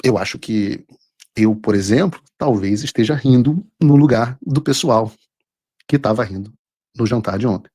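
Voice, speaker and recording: A man with a Brazilian accent and a husky voice, hosting a live political show with commentary and read-out texts. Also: medium pitch, moderate pace, warm tone, dry recording, clean studio sound.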